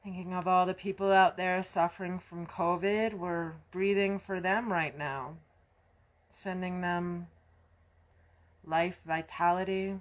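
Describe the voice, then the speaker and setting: A woman guiding a yoga breathing practice in a slow, soft, soothing way. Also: fairly low pitch, steady tone, lo-fi sound. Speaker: yoga instructor. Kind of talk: guided breathing instruction.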